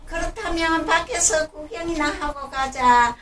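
Grandma voicing a high, apologetic little storybook animal boy. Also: unhurried. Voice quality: elderly grandma voice. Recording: roomy, distant mic, faint noise.

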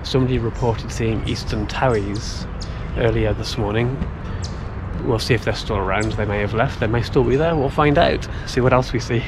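English man vlogging birds on noisy trail. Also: medium pitch. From Britain. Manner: chatty and relaxed, thinking aloud between pauses. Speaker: birding vlogger. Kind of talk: casual walking vlog. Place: outdoor wooded trail by a pond. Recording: loud outdoor noise with traffic. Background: outdoor ambience with passing vehicles.

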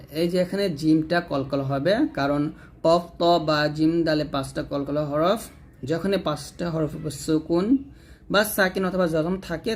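A man teaching Quran recitation rules, alternating slow, drawn-out chanted verses with brisk explanations. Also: on the high side. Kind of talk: tajweed lesson.

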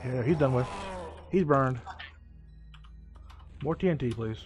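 A man playing an old computer game and chatting casually with a friend, excitable and laughing often. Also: mid-range voice, a little slow, soft background music. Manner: excitable, laughs often, yelps when hit. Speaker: game player, co-host. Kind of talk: casual let's-play banter.

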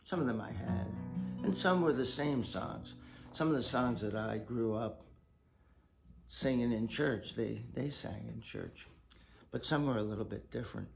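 An older man casually telling a story from his life as a church musician, unhurried and reflective with playful asides, recorded at home on a webcam. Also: mid-range voice, gravelly. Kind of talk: casual spoken memoir. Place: home room lined with bookshelves, indoors. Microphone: desktop webcam framing, seated. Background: loud acoustic guitar playing.

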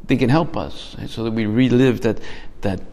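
A man's voice: medium pitch, moderate pace, a little mellow. A man giving a reflective homily, asking his listeners many questions and often restarting his phrases. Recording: hall reverb.

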